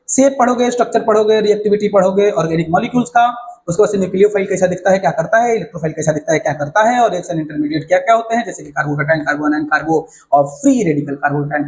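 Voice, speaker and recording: A male teacher walking students through a syllabus in a casual, fast-talking way, often checking that they follow. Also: high voice, darkish tone, slight background noise, low-quality recording. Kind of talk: casual syllabus walkthrough lesson.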